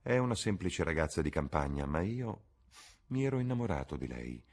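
A troubled, earnest young gentleman, read by a man in a deep, husky voice. He speaks in a confessional tone, dropping lower and quieter on asides. An audiobook character reading. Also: big pitch swings, fairly quick, heavily acted.

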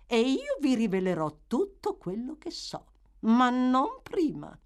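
A woman reading an audiobook voices a shrewd, cold-blooded middle-aged matron who speaks calmly, sharply and without yielding. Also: high voice, slow, pitched above the performer's own voice, exaggerated voice. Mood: cool bargaining. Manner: calm, sharp and unyielding.

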